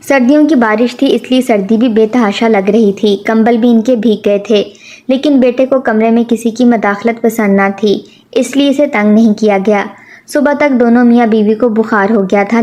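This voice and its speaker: A woman narrating a sad family story in a steady, emotional storytelling manner. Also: a little high.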